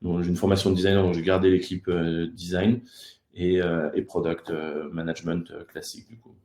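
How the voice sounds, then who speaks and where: Deep-voiced man, mellow, relaxed. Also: a little fast. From France. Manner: relaxed, many hesitations. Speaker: guest. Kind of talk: casual talk-show chat. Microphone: video call. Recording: echoey room.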